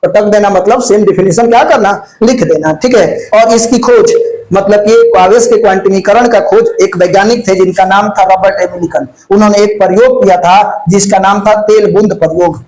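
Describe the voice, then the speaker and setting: A man's voice: sits high, moderate pace, darkish tone, rough recording. A man teaching a physics exam-prep lesson, folksy and chatty, asking questions and answering them himself. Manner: folksy, asks and answers his own questions. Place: classroom with lights on, insects flying around.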